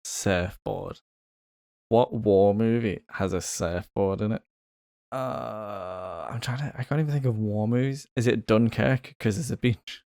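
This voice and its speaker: Low-voiced man in playful podcast chat. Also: measured pace, mellow, no room sound, clean studio sound. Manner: playful, guessing aloud with hesitations. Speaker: podcast co-host. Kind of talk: casual chat.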